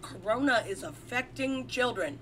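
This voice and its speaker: A hoarse woman guest on a home podcast, joking bluntly and chewing candy as she talks. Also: fairly high pitch, expressive, normal speed, fairly bright tone, slight background noise. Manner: joking, blunt, chews gummies while talking. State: hoarse, lost voice. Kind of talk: casual chat. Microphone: shared desk mic at home.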